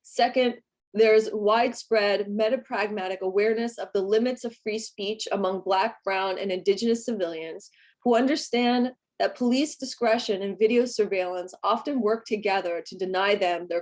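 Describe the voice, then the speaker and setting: A woman presenting a scripted conference paper in a formal, measured manner. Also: medium pitch, a little mellow. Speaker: academic presenter.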